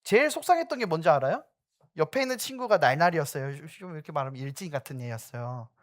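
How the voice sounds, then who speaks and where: A young man, a youth pastor, preaching a sermon that moves from storytelling to loud, urgent exhortation. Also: fairly high pitch, animated, quick pace.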